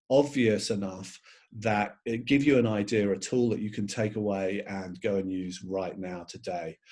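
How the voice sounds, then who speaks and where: A man's voice: fairly low pitch, a little mellow, slightly rough. A man presenting a sales training talk at a business summit, casual and conversational, often restarting with "all right, so". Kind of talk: conference talk with a told story.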